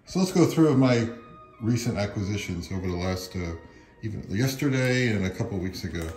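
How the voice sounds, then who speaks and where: A man in his fifties, a record collector hosting a home product review channel, chats casually and offhandedly indoors at home, moving between living room and kitchen. His voice is fairly low and darkish, with lively intonation at a moderate pace, and faint music plays behind him.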